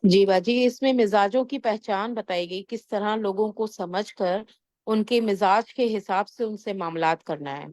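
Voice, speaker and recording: A woman's voice: mid-range voice, a little mellow, no echo. A woman student answering her teacher politely in an online class. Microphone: online class microphone.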